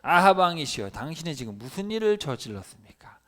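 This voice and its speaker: A man's voice: medium pitch, fairly quick, close to an everyday voice. A man voicing a stern male prophet who solemnly pronounces doom on a king, in a children's Bible lesson.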